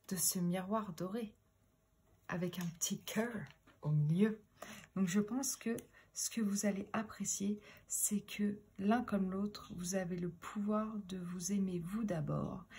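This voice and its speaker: A low, gravelly woman's voice reads tarot cards in an unhurried, musing way, often sinking into a hushed whisper. Faint noise sits under the recording. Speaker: tarot reader. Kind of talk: tarot reading.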